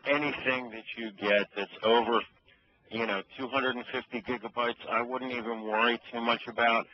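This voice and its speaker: A man explaining things over the phone like a store employee, in a matter-of-fact, instructive way. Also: mid-range voice. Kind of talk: explanatory customer-service phone talk. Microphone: telephone. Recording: muffled, faintly noisy phone line.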